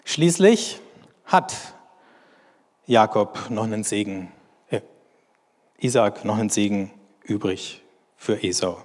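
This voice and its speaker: A man reads scripture slowly and deliberately, then explains it in measured commentary. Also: fairly low pitch, animated, a little mellow. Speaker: bible teacher. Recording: long hall reverb.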